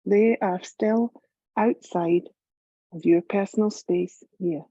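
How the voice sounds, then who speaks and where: A yoga teacher with a mid-range voice leads a guided meditation, calm and measured, giving gentle instructions separated by long pauses. The recording has no echo but sounds muffled.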